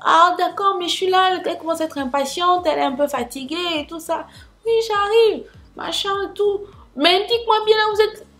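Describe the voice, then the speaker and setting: A woman putting on the voice of a smooth-talking young man giving directions over the phone. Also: very high-pitched, brisk, a bit bright, voice pushed up. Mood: coaxing. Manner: suave, coaxing phone talk.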